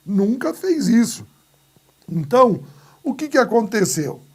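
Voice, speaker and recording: In a high, sing-song voice and at an unhurried pace, this Brazilian teacher runs a recorded video grammar lesson with a Brazilian Portuguese accent. He poses questions and answers them himself, performs small skits, and keeps the class lively with playful asides.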